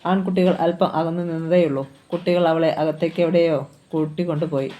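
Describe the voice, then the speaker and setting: Reader doing a novel out loud, mellow dark voice, steady even telling. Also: medium pitch, fairly quick, highs cut off. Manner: steady storytelling narration. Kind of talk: reading a novel aloud.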